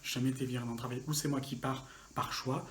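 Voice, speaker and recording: A man casually telling a personal story for his channel, lively and full of slang and fillers. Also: mid-range voice, quick pace, a little hiss or hum. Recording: echoey room with faint ambience.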